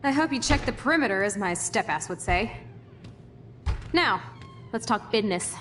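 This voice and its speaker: A woman's voice: mid-range voice, animated, normal speed, lightly acted. An actress playing a brash, defiant young punk woman, slangy and confrontational, in a dramatic video game scene. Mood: cocky. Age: young adult. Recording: clear background noise with clicks.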